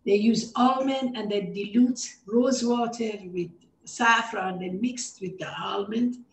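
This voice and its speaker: Here a cookbook author with a Persian accent, Persian being her native tongue, chats through a cooking demonstration, cheerful and quick to laugh, warmly excited about food. Her fairly high voice keeps a measured pace. The recording is in an echoey room with a little hiss or hum.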